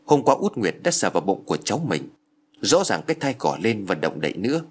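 A man narrates an audio novel with a husky voice. His pitch moves in a lively, dramatic storytelling way. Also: fairly quick.

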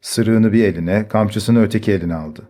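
Low-voiced male storybook narrator. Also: warm tone. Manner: measured storytelling. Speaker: audiobook narrator. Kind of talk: scripted narration. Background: faint music.

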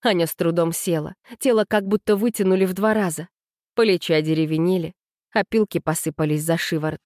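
A woman narrating a story in a steady, measured audiobook reading. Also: fairly low pitch, dry recording, clean studio sound.

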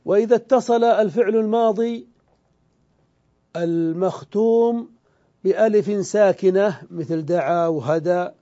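High-voiced man teaching Arabic grammar. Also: dark tone, dull audio. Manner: explains step by step, asking and answering his own questions; draws out example words slowly. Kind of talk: classroom grammar lecture.

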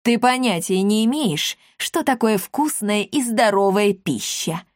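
A woman's voice: mid-range voice, expressive, unhurried, no room sound, studio quality, close to an everyday voice. A woman voicing a tiny, spiteful old woman who screeches and scolds everyone about her diet. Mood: scolding.

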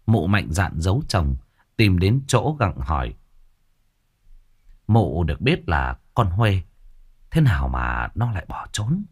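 Low, expressive male storyteller. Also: slow, pauses often, slightly rough. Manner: dramatic, expressive. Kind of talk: ghost story narration.

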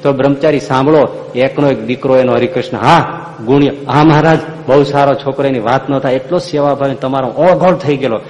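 A man's voice: mid-range voice, brisk, darkish tone. Dramatic preacher man in a reverberant hall. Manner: dramatic, acts out dialogue, sings snatches of devotional song. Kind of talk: devotional storytelling sermon.

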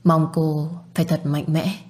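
A woman reading a gentle young male doctor. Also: low voice, measured pace. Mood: consoling. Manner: calm and consoling.

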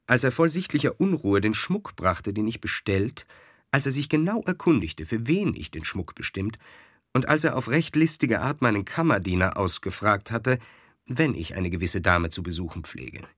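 A man's voice: on the low side, no room sound, studio quality. A man voicing a proud army officer who speaks earnestly and with emphasis. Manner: earnest, emphatic soldierly speech.

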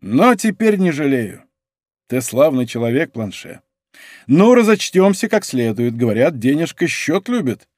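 A man voicing a bold, exuberant musketeer who speaks in a loud, commanding voice. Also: medium pitch, big pitch swings, unhurried, no room sound, studio quality. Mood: jovial.

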